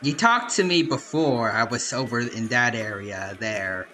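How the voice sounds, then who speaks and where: A man doing casual live game commentary as a streamer, chatty and animated. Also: medium pitch, unhurried, faint music behind.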